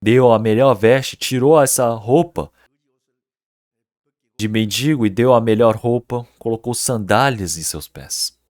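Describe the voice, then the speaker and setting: Unhurried and a little mellow, this medium-pitched man is a pastor preaching at a Sunday church service. He speaks earnestly and emphatically, repeats words and frequently puts rhetorical questions to the congregation, in a dry, clean studio recording.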